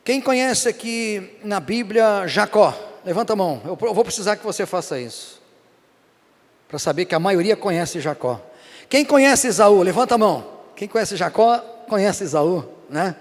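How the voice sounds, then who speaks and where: High-voiced Brazilian pastor preaching. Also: male voice, normal speed, big-room sound. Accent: Brazilian Portuguese. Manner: animated storytelling, frequent "amém?" to the congregation. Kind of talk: sermon. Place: church service.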